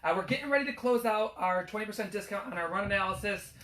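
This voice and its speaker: Hoarse high-voiced physical therapist. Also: male voice, quick pace, bright, forceful tone. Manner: explains step by step, many fillers. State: losing his voice. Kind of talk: casual instructional talk. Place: on a treadmill. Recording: echoey room with faint background noise.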